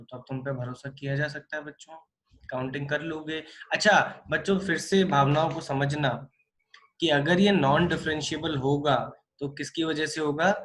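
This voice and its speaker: A man teaching math in a live class, talking with animated energy and coaxing his students along. His voice sits a little high for a man. He jokes, scolds lightly and keeps pushing the students forward. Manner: animated, coaxing students, calls them kids. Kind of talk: live online class lecture.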